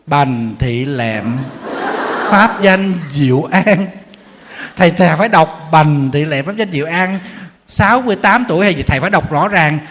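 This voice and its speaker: A man giving a Buddhist dharma talk as a monk, telling anecdotes in an animated, humorous way. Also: high voice. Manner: storytelling, animated, acting out quotes with humor. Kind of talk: sermon. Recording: long hall reverb.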